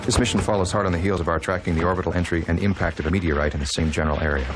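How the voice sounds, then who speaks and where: A man's voice: sits low, fairly even intonation, rapid-fire, over music, lightly acted. A man playing a cool, businesslike case manager in a TV mystery drama, with an official, clipped delivery. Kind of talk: TV drama acting.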